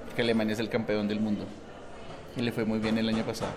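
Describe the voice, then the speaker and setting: A man's voice: fairly low pitch, flat delivery, quick pace, background noise. A man, co-hosting a podcast in a joking, slangy way. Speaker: podcast co-host. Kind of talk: casual podcast chat.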